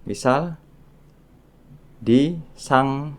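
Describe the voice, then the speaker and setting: A man's voice: medium pitch, very slow. A man teaching a beginner language lesson, explaining sounds patiently and repeating each one in drills. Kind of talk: slow, patient lesson narration.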